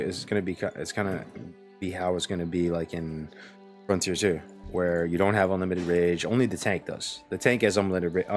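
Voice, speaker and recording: Sleepy male streamer, very low voice, rambling laid-back chat, faint music behind. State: sleepy, yawning. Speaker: game streamer. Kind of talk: casual live-stream chat while playing.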